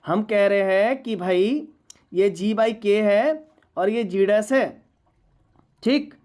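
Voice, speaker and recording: A woman's voice: medium pitch, very slow, darkish tone. A woman teaching a university maths class, lecturing patiently and often asking whether students follow. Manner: patient, checks understanding often.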